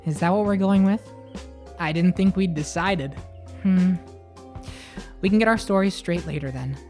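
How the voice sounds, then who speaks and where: A woman voicing a stoic, quietly mischievous nun who speaks in a soft, deadpan way. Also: fairly low pitch, moderate pace, soft background music, close to an everyday voice. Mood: dry.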